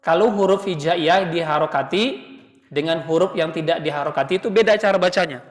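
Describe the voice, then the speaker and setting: A man's voice: on the high side, brisk. A man with an Indonesian accent, a Quran teacher leading a class and sounding out letters. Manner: chants and demonstrates letter sounds. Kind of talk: teaching class, call and response. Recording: echoey hall, long reverb.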